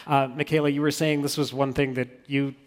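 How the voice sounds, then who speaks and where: A man's voice: mid-range voice, level tone, brisk, big-room sound. A man hosting a book discussion, asking probing follow-up questions. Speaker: host.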